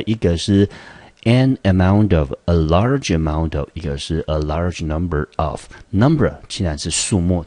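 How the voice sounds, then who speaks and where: A man with a Taiwanese Mandarin accent teaching English vocabulary, explaining slowly and stressing key words. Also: a bass voice, dark tone, breathy edge, no echo. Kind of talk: vocabulary lesson.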